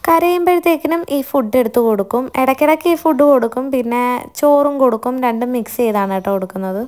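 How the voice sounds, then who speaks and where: A woman's voice: sits high, fast, a little mellow. A woman chatting casually in a day-in-my-life vlog, adding friendly tags to her sentences. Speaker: vlogger.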